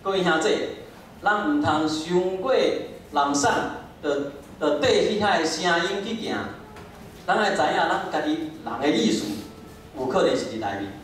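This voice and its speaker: A man's voice: fairly high pitch, expressive, normal speed, a bit bright. A man with a Taiwanese accent preaching a sermon in an emphatic, conversational way, prompting listeners with short questions and interjections. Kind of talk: sermon with rhetorical questions, closing in prayer. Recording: very echoey room, distant mic, faint noise.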